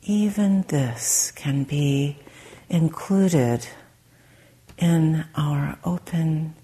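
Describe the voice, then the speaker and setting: A woman meditation teacher guides a meditation in a soft, breathy, gentle voice, leaving long pauses. Her voice sits low.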